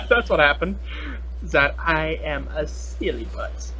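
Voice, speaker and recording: A young man hosts a podcast, chatting and joking in a playful, silly, teasing way. His voice is on the high side, animated and a bit bright, at a slow pace, heard over a noisy internet call recording.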